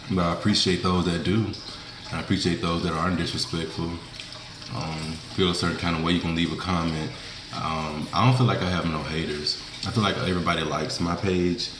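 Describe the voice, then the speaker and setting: A man's voice: deep voice, reverberant, background noise. A young man with a rural Mississippi Southern accent, chatting casually and colloquially to viewers as a food vlogger. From Mississippi, USA. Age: young adult. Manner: colloquial, folksy, informal slang. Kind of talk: casual mukbang chat to viewers. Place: small indoor room, seated at a table.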